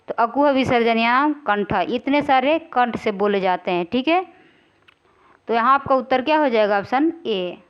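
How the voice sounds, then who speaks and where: A woman teacher works through exam questions, stretching out key terms and repeating them. She keeps asking rhetorical questions to check that her students follow. Her voice is smooth and rather high, and the audio is slightly dull. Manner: explains slowly, repeating and drawing out key words. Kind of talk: exam-prep grammar lesson.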